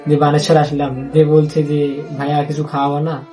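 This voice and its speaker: A young man with a Rajshahi Bengali accent, haltingly recounting a personal story, with many restarts and repeated phrases. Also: on the high side, completely flat delivery, over music. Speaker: interviewee.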